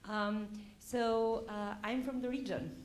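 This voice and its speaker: A woman's voice: a little high, steady tone, slow pace, slight background noise. A woman in her forties from Albania, a researcher speaking on a panel, hesitant with many fillers. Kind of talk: panel discussion.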